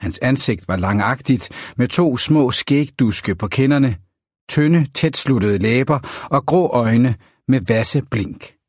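A man reading a novel aloud as an audiobook narrator, in a measured, even storytelling manner. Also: mid-range voice, husky, no echo, clean studio sound.

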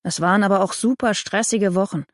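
A woman voicing an easygoing teenage boy rider with a relaxed, drawling way of talking. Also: mid-range voice, a little fast, dry recording, clean studio sound, natural voice.

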